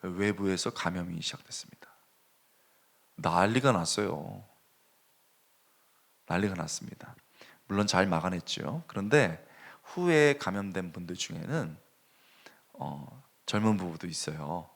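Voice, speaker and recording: A male pastor preaching a sermon, telling a story with animated swings between hushed and raised delivery. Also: low-pitched, a little slow, creaky, long pauses. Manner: animated storytelling, dropping to a hush and rising sharply.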